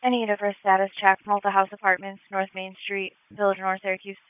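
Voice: mid-range voice, monotone, quick pace, clean tone. An emergency radio operator giving clipped, procedural police radio traffic. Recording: muffled police radio channel.

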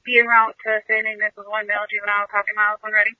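A man working as a police officer, calling in brisk, procedural updates over a police radio. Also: high voice, completely flat delivery, dry recording. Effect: police radio transmission. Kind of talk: clipped radio call-in. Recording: tinny phone-like police radio.

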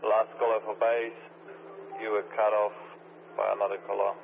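A man's voice: fairly low pitch, level tone, normal speed, vocal fry. A man working as a radio base operator, giving terse, clipped procedural replies over a crackly two-way radio. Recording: crackly narrowband radio, heavy static.

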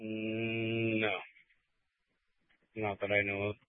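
A man's voice: on the low side, completely flat delivery, takes it slowly, dry recording. A man talking over a walkie talkie, coordinating units in terse radio language with dry humor. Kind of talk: radio traffic. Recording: tinny, dry two-way radio.

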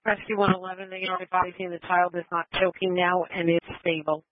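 A male emergency dispatcher giving brisk, clipped call codes over a two-way radio transmission. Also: high voice, flat delivery, slight background noise. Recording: tinny narrowband radio.

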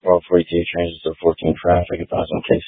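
A man's voice: sits low, completely flat delivery, quick pace, slightly rough, no echo. A male police officer calling in over police radio, using terse radio codes. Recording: tinny dry radio transmission.

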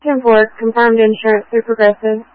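A woman working as a dispatcher, talking over a walkie-talkie radio in brisk, clipped radio codes. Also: a little high, flat delivery, no room sound. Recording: tinny dry two-way radio.

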